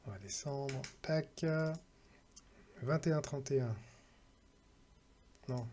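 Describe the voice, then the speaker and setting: A man's voice: medium pitch, slow pace, darkish tone, a little hiss or hum. A man talking casually through a screen-recorded tech tutorial, thinking aloud and reading out numbers with hesitant fillers.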